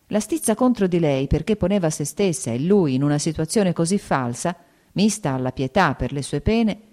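A woman narrating an audiobook of a classic novel in a measured, even storytelling manner. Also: on the low side.

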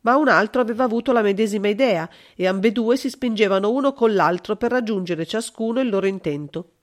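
A woman reading a classic novel aloud as scripted narration, in an even, measured way. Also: medium pitch. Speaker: audiobook reader.

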